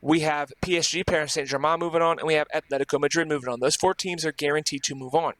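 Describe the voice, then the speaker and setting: Man, podcast host, fast, rambling, dry close sound. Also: on the high side, fairly even intonation, fairly bright tone, no room sound. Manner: rambling, with many fillers and restarts. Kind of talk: casual sports chat.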